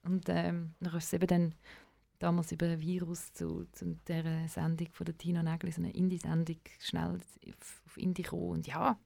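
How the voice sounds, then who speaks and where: A woman's voice: on the low side, monotone, fairly quick, creaky, warm tone, no echo. A woman with a Swiss German accent talking casually as an interview guest, enthusiastic and searching for her words. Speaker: radio presenter as interview guest.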